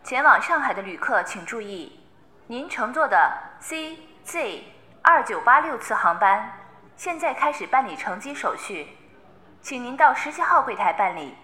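A woman playing an airport announcer, making a formal, measured public announcement to passengers. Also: on the high side, sing-song, pushed and bright. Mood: formal announcing. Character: female airport announcer calling passengers to check in. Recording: echoing announcement sound.

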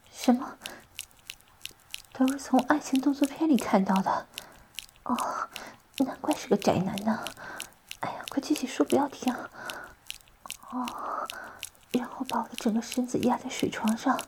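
A woman's voice: on the high side, dark tone, lightly acted. A woman playing a teasing, whispering sister-in-law. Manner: breathy close whisper, teasing and coaxing. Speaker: voice actress in an adult audio roleplay. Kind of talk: whispered intimate audio roleplay.

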